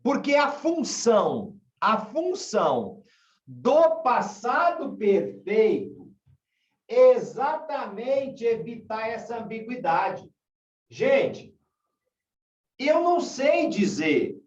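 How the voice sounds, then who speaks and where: A man's voice: very high-pitched, sing-song, takes it slowly, recorded from a distance. A man from Brazil teaching a class, asking questions and repeating example sentences. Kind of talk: online class lesson. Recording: dull, echoey room from afar.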